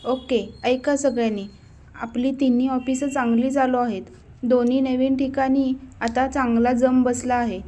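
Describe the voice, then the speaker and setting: A woman's voice: sits high, flat delivery, a little slow, dark tone. A woman reading a cheerful businessman father. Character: middle-aged man, cheerful businessman father.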